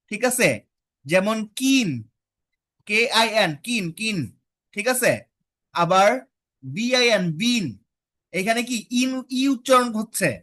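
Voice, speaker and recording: Woman, phonetics teacher, bright clear voice, quizzing students, sounding out vowels. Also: medium pitch. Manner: quizzes students with repeated questions; models vowel sounds slowly. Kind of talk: online phonetics class.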